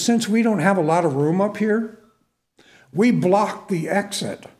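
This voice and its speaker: A man preaching and telling a story in a folksy, earnest way, often repeating his words and calling for an amen. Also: high voice. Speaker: preacher and prison minister. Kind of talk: storytelling sermon.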